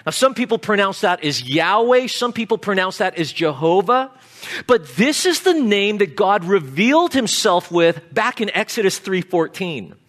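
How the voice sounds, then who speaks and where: A guest pastor preaching a sermon with emphatic, deliberate delivery. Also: male voice, high voice, very animated, fairly bright tone.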